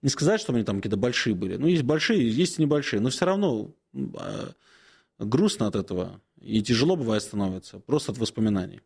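A man in his forties, an Orthodox priest on a call-in show, answering questions slowly with many hesitant pauses and gentle advice. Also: medium pitch, expressive, vocal fry, slightly rough. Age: 40s.

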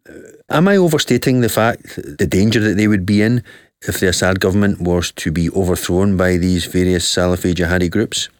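A man's voice: low voice, no room sound. A man hosting a radio interview show, talking earnestly and with emphasis. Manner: earnest, emphatic, reads quotes aloud slowly. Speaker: talk show host.

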